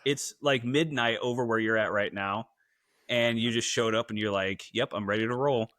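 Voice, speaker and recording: A man in his thirties hosting a podcast, joking and swearing with wacky high energy. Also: moderate pace, a bit bright, no echo, studio quality. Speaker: podcast host. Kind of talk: casual podcast chat.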